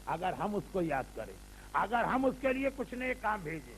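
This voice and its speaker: A man's voice: sits high, sing-song, a bit bright, slight background noise, poor audio. An older man, a cleric, delivering a sermon in a repetitive, rhetorical style that mixes in English words. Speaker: Shia cleric preaching.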